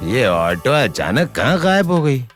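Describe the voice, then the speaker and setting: A man's voice: medium pitch, very animated, a little slow, music in the background. An actor playing a pushy man who pleads and insists as he searches for a woman. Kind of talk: Hindi family drama acting.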